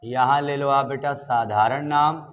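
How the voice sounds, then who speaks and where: A man's voice: medium pitch, fairly even intonation, unhurried, fairly bright tone, muffled recording, slight background noise. A man teaching chemistry in a classroom lecture, coaxing his students with questions as he goes. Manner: coaxing, asks students questions and calls them "beta".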